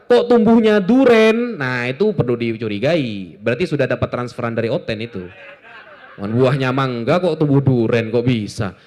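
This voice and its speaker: A man from Indonesia, talking informally to an audience in a joking, animated way with lots of asides. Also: fairly high pitch. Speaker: Islamic apologetics speaker.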